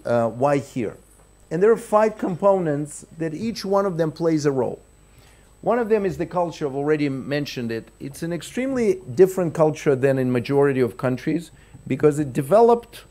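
Speaking from a lectern microphone in a large conference hall, a middle-aged Russian man gives a keynote, his dark-toned voice pitched a little high for a man. He lays things out point by point, frequently stopping, restarting and repeating words.

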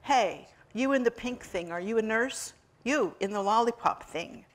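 A woman's voice: on the high side, lively intonation, moderate pace. A woman voicing a tough, bossy woman bank robber who barks orders and threats. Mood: demanding. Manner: brash, shouting threats.

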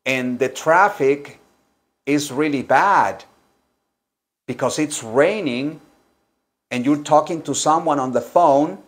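Slow, patient man teaching English. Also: on the high side. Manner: drills phrases slowly, switching between Spanish explanations and English examples. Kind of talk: slow, repetitive language lesson.

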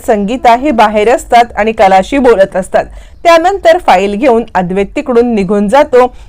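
A woman walks through a television serial episode in plain storytelling and reads each character's lines aloud. Her voice sits high and comes across smooth and resonant. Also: darkish tone. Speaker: serial recap narrator.

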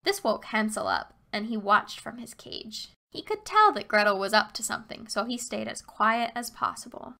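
Woman, children's story narrator, expressive, slows for emphasis, bright, somewhat high. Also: gravelly.

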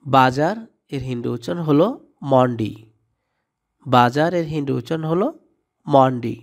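Slow man calling out word pairs. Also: medium pitch. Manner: word by word, repeating each word pair. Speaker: language tutor. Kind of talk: vocabulary lesson.

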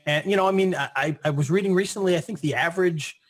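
A slightly husky man talks as the guest in a relaxed interview. He tends to stumble over his first words and laughs easily. His voice sits a little high. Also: quick pace. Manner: repeats words at the start of phrases, laughs often. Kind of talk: casual interview conversation.

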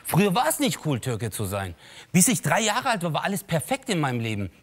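A man in his thirties performs an ironic stand-up monologue and keeps addressing the audience directly. His voice is a touch high and swings widely in pitch. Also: huge pitch swings, brisk. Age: 30s. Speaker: comedian.

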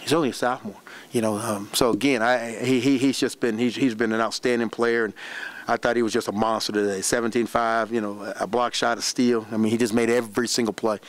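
A middle-aged man, a head basketball coach, answering questions after a game at a press room desk microphone, animated and repeating words as he talks. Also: mid-range voice. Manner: animated, repeats words, fast run-on talk. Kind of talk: post-game press conference. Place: press room in front of a backdrop. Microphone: desk microphone on a stand.

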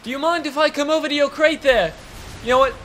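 In a comedy machinima, a man plays a blustering, boastful, bumbling ship captain who rambles excitably and yelps now and then. The voice is very high and fast, over slight background noise.

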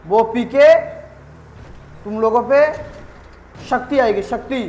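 A man giving live gameplay commentary as a gaming YouTuber, excitable and trash-talking rivals with swearing. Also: extremely high pitch, takes it slowly, echoey room, a little hiss or hum, low-quality recording.

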